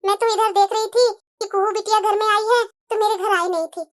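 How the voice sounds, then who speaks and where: A woman voicing a chatty, friendly middle-aged neighbour auntie in a Hindi cartoon who scolds gently. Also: extremely high pitch, fairly even intonation, a little fast.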